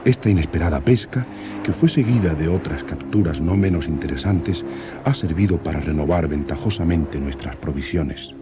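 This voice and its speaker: Low-voiced old radio serial announcer. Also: male voice, background noise. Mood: earnest narration. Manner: formal, measured, literary diction. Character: Axel, young nephew narrating an expedition diary, curious, earnest. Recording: old radio drama with music.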